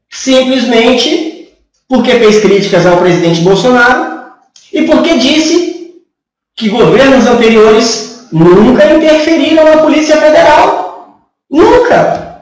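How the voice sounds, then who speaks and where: High-pitched Brazilian man, echoey room. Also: recorded from a distance. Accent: Brazilian Portuguese. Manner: rhetorical, sarcastic, asks many questions. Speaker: channel host. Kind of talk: political opinion monologue. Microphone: camera from a few feet away. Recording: echoey room, voice a bit off-mic.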